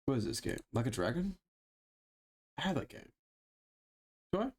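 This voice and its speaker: Streaming a game live, a man with a husky, slightly mellow mid-range voice chats casually at a moderate pace, his pitch swinging widely. He talks to himself and his viewers while browsing and fiddling, throwing in sarcastic asides and lots of swearing.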